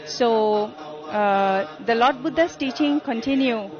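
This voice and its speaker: A woman giving calm, deliberate interview answers at a temple ceremony, pausing often. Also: on the high side. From Bangladesh. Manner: calm, deliberate, with frequent "uh" pauses. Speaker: interviewee, event guest. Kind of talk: slow, measured interview answers. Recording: slightly dull lo-fi audio with music behind. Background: music.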